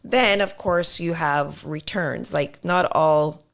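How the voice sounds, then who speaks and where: Speaking slowly in a low, slightly hoarse voice, this accountant guest on a podcast walks patiently through accounting examples step by step. Her explanations include plenty of fillers.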